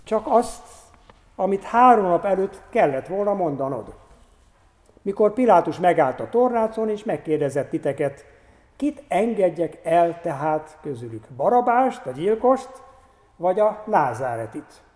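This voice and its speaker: A man reading aloud the gentle words of a male master figure, in a solemn voice. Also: high voice, sing-song, big-room sound.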